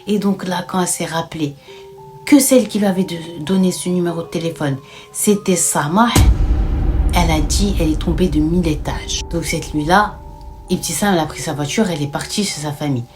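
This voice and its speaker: A young adult woman casually narrating a dramatic story time with lively retelling. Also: fairly low pitch, brisk, faint music behind.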